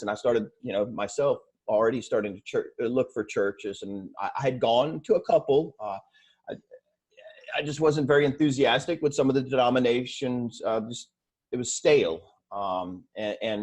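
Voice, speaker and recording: A Swedish-born man in his forties appears as an interview guest, speaking casually and haltingly with lots of fillers and restarts. His voice is medium in pitch with a darkish tone.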